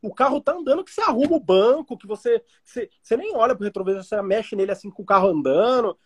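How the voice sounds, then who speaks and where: A man's voice: high voice, animated, fast talker, darkish tone, breathy edge. A man with a Brazilian Portuguese accent, a trading teacher chatting casually and explaining through everyday analogies. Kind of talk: casual podcast chat.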